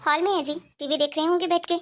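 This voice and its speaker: A woman's voice: high-pitched, steady tone, quick pace, a bit bright. A woman voicing a young wife and mother of two in a cartoon, talking earnestly and pleadingly. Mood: casual.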